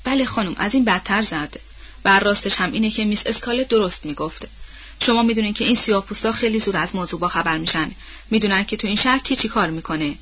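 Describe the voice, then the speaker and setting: A fretful old nanny woman, read by a woman in a storybook recording, rambling on in a loose, colloquial way. Her voice sits at a middling pitch. The sound is dull and lo-fi. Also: a bit bright, slightly rough. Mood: worried. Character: old household nanny woman, anxious and gossipy. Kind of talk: audiobook role-play reading.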